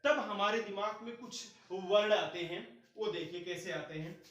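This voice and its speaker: A high-pitched male teacher explains grammar. He asks questions and answers them himself, and drills each point. His voice booms around a very echoey room, heard from some distance from the mic. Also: normal speed, fairly bright tone. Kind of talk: classroom-style grammar lesson.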